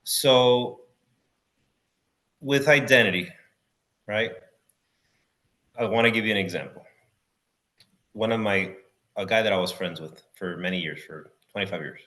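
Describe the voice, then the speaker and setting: A man's voice: fairly low pitch, a little slow, long pauses. A middle-aged man, a podcast guest, telling stories in casual chat, acting out quotes and calling the listener bro or dude. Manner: animated storyteller, acts out quotes, says bro and dude.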